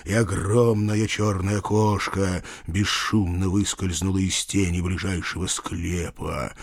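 A man reading a first-person story aloud in a wry, expressive storytelling manner. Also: on the low side, no echo, clean studio sound. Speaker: audiobook reader. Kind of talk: first-person audiobook narration.

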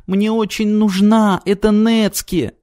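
A man's voice: level tone, takes it slowly, darkish tone, no echo, studio quality. Man doing a pleading little girl. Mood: tearful. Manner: high, tearful pleading. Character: small girl time traveler, pleading, stubborn.

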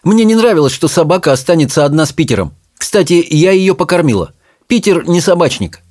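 A bustling, no-nonsense witch mother from a storybook, as a man reading aloud puts her on. She speaks in a raised, lively voice that swings widely, with clipped, irritable efficiency. The sound is dry and close. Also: fairly high pitch, fairly quick, no room sound, pitched above the performer's own voice. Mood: brisk. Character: brisk bustling middle-aged witch mother, woman.

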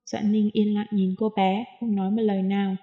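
A woman narrating a novel as an audiobook reader, reading in a steady, even way. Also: medium pitch, a little fast, muffled recording. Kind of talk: scripted narration.

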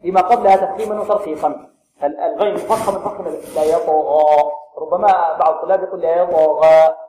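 A man teaching Quran recitation, quizzing his students and modelling slow, drawn-out pronunciations. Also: high voice, fairly even intonation, mellow. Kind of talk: tajweed lesson with students. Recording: echoey room, faint noise.

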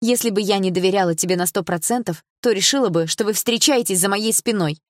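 A woman voicing a frightened, indignant young female friend who speaks high and loud, close to shouting, in an audiobook. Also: quick pace, no echo, lightly acted.

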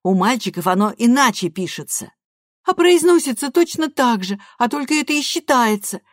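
Storybook teenage girl, high bright voice, pleading and insistent, played by a woman reader. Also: lively intonation, normal speed, no echo, studio quality, natural voice. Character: eager, defiant teenage girl wanting to be grown up. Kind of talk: audiobook character voice.

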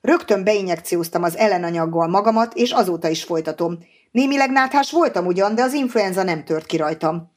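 Woman reading a measured middle-aged male scientist, audiobook, slightly low voice. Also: animated.

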